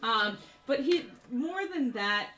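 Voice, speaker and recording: A woman's voice: a little high, expressive, slow pace, pushed and bright. Rambling woman game master, echoey room. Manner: rambling and descriptive, with many fillers. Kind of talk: narrating a tabletop game.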